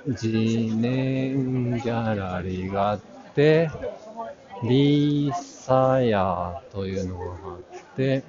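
A vlog host guiding viewers through a large, busy indoor art fair murmurs halting, fragmentary commentary in a fairly low voice as he walks, partly talking to himself and muttering names. He films on a handheld action camera at arm's length with a masked mic, so the audio is muffled, with crowd chatter and exhibition hall noise around him.

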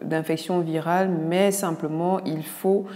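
A woman's voice: on the low side, steady tone, measured pace, warm tone, long reverb tail. A woman doctor from Cameroon with a Cameroonian French accent, answering viewer questions in a casual, frank and teasing way. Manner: frank, teasing, blunt asides. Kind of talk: casual video Q&A.

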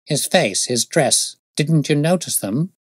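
A man voicing a brilliant, impatient gentleman detective in an audiobook story, speaking in a brisk, commanding, articulate way. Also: mid-range voice, expressive, dry recording, clean studio sound, voice pushed up, lightly acted.

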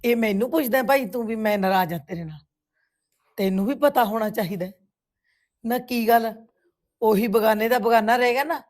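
A woman's voice: on the high side, moderate pace, long pauses, a little mellow, close to an everyday voice. An actress with a Punjabi accent playing a grieving village woman who bitterly reproaches a family friend. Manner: reproachful, tearful accusations. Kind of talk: village web series drama.

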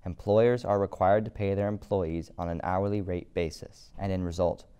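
A man's voice: low voice, steady tone, normal speed, warm tone, clear, resonant tone. Man narrating a student documentary. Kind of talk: scripted narration.

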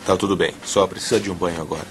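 An actor playing a calm, caring young kickboxer in a Brazilian dubbed film drama. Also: male voice, deep voice, very fast, slight background noise, natural voice. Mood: calm, concerned. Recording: film soundtrack with music behind.

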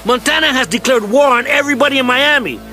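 A man's voice: extremely high pitch, quick pace, pushed and bright. A man voicing an arrogant, cornered cocaine kingpin who curses with contempt in a video game cutscene. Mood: exasperated. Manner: scornful, cursing. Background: music.

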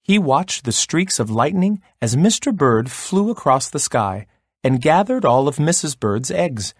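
Slow, expressive male storyteller. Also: fairly high pitch, slightly rough, no room sound, studio quality. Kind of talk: storybook read-aloud.

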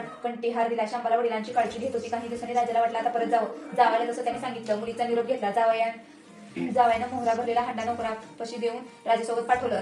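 A woman storyteller reading a devotional folk tale aloud in a brisk, steady way. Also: a little high, roomy sound, distant mic, rough recording.

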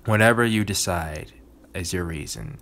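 A man's voice: low voice, normal speed, gravelly, a bit bright. A man hosting a gaming channel, talking earnestly and reflectively about his playthrough in casual commentary. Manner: earnest, reflective, thinking aloud.

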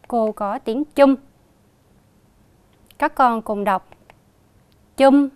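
A female primary school teacher with a Southern Vietnamese accent, leading a slow reading lesson for young children and spelling out sounds with emphatic repetition. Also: on the high side, darkish tone, clear, resonant tone, no echo. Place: recorded for a TV lesson.

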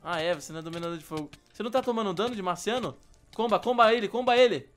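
A young Brazilian man with a high voice rattles off excited Minecraft let's-play chatter at a rapid clip. He turns frantic and shouty whenever a fight heats up. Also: soft background music. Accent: Brazilian Portuguese. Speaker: gaming YouTuber host.

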